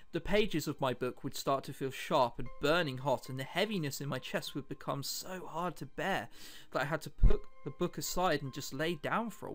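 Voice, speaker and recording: This British man's voice sits on the high side and sounds a bit bright. He's hosting a let's play, reading a visual novel aloud and breaking between passages with jokey, chatty asides.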